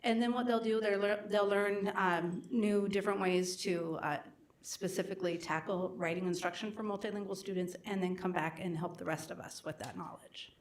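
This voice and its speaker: Woman giving a steady informative report. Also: mid-range voice, moderate pace. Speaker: multilingual education coordinator. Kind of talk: board meeting presentation.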